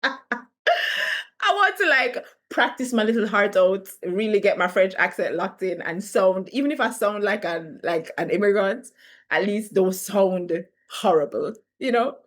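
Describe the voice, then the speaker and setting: A woman from the Caribbean talking candidly to camera in a reflective vlog, animated and laughing between her thoughts. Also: mid-range voice, measured pace. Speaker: vlogger.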